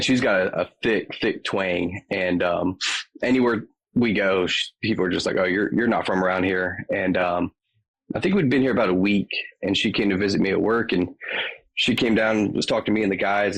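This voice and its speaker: A man's voice: deep voice, creaky, rough recording. A man with a Southern US accent, a podcast guest chatting casually and rambling with many ums. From Virginia. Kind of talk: casual chat.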